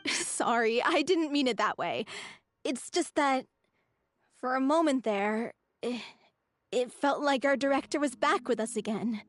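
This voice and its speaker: Soft wistful troupe girl, high voice, game music behind. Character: gentle young woman of a theater troupe, fond and wistful. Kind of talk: video game voice acting.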